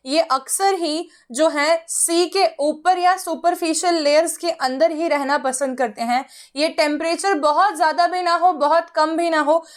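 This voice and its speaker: A young woman with an Indian English accent teaching a biology lecture, mixing Hindi and English and explaining step by step to her students. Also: sits high. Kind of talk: online exam-prep lecture.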